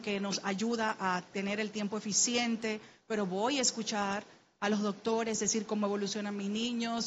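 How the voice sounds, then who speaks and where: Through a muffled recording with slight background noise, a mid-range voice belongs to a middle-aged Dominican woman sharing her testimony at a panel talk. Speaking with a Dominican Spanish accent, she starts earnest and heartfelt, then turns exhorting, pressing listeners to take action.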